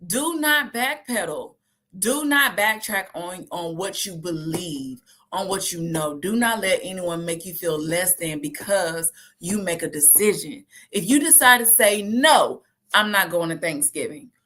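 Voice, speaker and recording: A woman, talking casually and lively to her viewers and acting out the voices she quotes. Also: fairly low pitch, a little slow. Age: 30s. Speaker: host.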